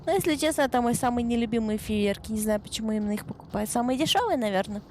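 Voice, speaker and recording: A young woman chatting casually on a gaming stream in a cute anime-streamer manner, excitable and playful, full of exclamations. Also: a little high, racing. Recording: clear background noise on stream mic.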